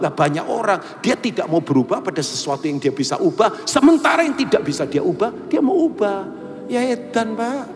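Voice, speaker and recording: A male pastor preaching a lively sermon, telling stories and addressing the congregation directly. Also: high voice, big-room sound. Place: church hall.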